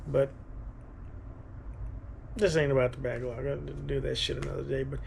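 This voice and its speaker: Gravelly, halting man in his thirties, vlogging. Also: mid-range voice, little pitch movement, a little mellow, slight background noise. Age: 30s. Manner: halting, thinking aloud. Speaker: running vlogger. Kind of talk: casual rambling vlog talk.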